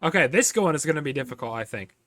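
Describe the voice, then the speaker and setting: A man's voice: on the high side, expressive, fast talker, a bit bright, no room sound. A man hosting a casual sports podcast, running through game picks with lots of fillers and restarts. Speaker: podcast host.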